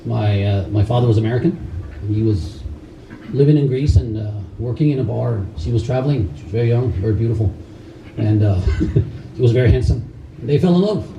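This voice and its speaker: This is a mid-range, brisk male voice, captured with dull audio over a noisy background. He's a karate instructor raised in Denmark, talking to a seated group at a camp in a loose, rambling manner with many fillers and restarts, and the hall sounds roomy and distant.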